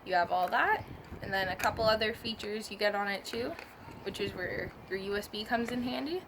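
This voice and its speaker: Talking fairly quickly in a mid-range voice, a woman reviews a product through a casual hands-on demo, chatting away and revising what she says. Background noise is present.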